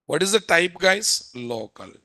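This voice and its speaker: Bright-voiced Telugu-accented Indian man teaching. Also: high voice, sing-song, a little slow, no room sound. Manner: repetitive, quizzing listeners with constant questions. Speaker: programming instructor. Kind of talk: live technical lecture.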